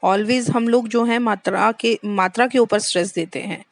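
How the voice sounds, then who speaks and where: A young woman with an Indian accent teaching kindergarten children online, drawing out each sound slowly in a sing-song way. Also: medium pitch, steady tone, no room sound. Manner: slow, drawn-out sing-song drilling of sounds.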